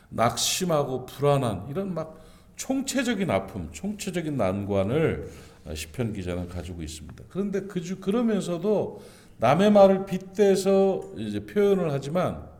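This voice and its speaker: A man preaches at a dawn church service in a lively, swinging voice. His pitch climbs sharply on emphatic points and sinks low on quieter asides, and his delivery stays earnest throughout. The voice sits at a medium height for a man. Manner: earnest preaching with sudden rises and drops in pitch. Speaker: pastor. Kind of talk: sermon. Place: church sanctuary.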